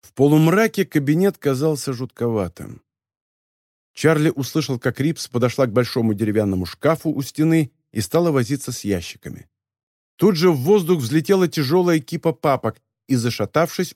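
A man with a mid-range voice narrates an audiobook from a script, telling the story expressively. The studio sound is clean, with no room sound.

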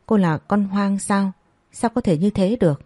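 A woman's voice: medium pitch, moderate pace, mellow, no room sound. A woman narrating a dramatic story in a scripted reading.

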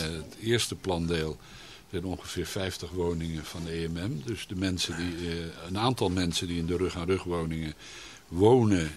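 Low-voiced hesitant man, interview guest. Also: a little hiss or hum. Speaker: local alderman as radio guest. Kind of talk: radio interview answers.

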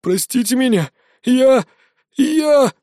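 A man's voice: animated, slow pace, a little mellow, no echo, studio quality, exaggerated voice. A man voicing a frightened boy called Rat, begging tearfully for help in an audiobook. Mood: pleading. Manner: pleading, tearful, high-pitched.

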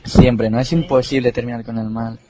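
Male host, mid-pitched, casual debate moderator, inquisitive. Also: little pitch movement, normal speed, dark tone, dull audio. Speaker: podcast host.

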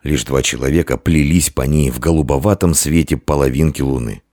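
A man narrating a story in an expressive audiobook reading on a close mic. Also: rumbling low, fairly quick, no echo.

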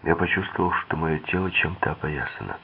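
Deep gravelly male audiobook narrator. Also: brisk. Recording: tinny phone-like sound.

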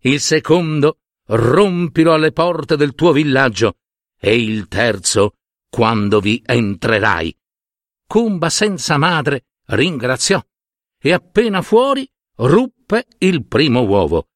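A man narrates a fairy tale in a theatrical, expressive way. He takes his time, and his voice rises and falls with lively pitch. The recording is close-miked and dry. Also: takes it slowly, no room sound. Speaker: storyteller.

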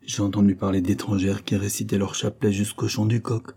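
A teasing young man with a wry, mocking manner, read by a male narrator in his own dark, husky voice. It is an audiobook reading. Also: on the low side, level tone, a little fast.

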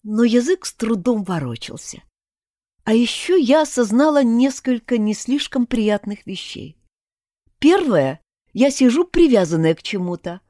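A woman narrating a first-person fantasy audiobook in an expressive way. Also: fairly high pitch, a little slow, dry recording, clean studio sound. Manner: expressive, animated.

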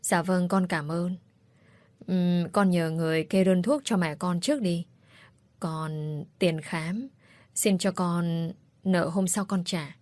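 A woman's voice: fairly low pitch, slow, darkish tone, no room sound. A woman voicing a fierce, protective young daughter who threatens her father and speaks politely to the healer. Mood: polite pleading. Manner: defiant, threatening, then polite.

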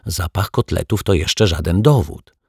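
A man's voice: low voice, a little slow, creaky, breathy edge, no room sound, studio quality, exaggerated voice. A man voicing a bumbling earnest detective. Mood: reasoning. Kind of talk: audiobook character voice.

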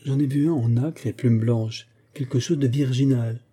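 A man voicing a young woman who speaks gravely and seriously. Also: medium pitch, fairly even intonation, normal speed, dark tone, natural voice.

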